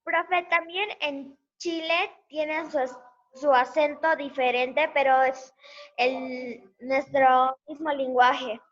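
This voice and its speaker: High-voiced child on a dull call line. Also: steady tone, takes it slowly, a bit bright. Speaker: student. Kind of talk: answering in online class. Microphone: video call.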